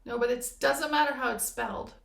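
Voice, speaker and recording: A woman's voice: on the high side, brisk, creaky, a bit bright. A woman hosting a podcast, musing in reflective spiritual chat and playing on the meanings of words. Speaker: podcast host. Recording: echoey room.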